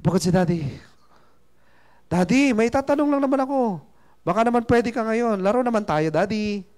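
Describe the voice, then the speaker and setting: Casting: a man putting on a small child, whiny and insistent, high and pleading. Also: expressive, normal speed, a little mellow, clean tone.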